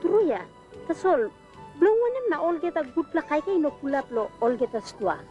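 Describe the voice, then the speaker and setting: A woman's voice: high voice, very animated, moderate pace, lo-fi sound, soft background music. A woman playing an agreeable, plain-spoken character, speaking Papua New Guinea pidgin with a Papua New Guinean accent in acted dialogue. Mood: agreeing. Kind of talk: acted Tok Pisin dialogue.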